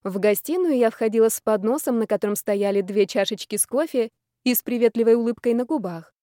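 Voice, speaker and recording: A woman reading a first-person romance audiobook in a lively, expressive way. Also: on the high side, fairly quick, no room sound, studio quality. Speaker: audiobook narrator.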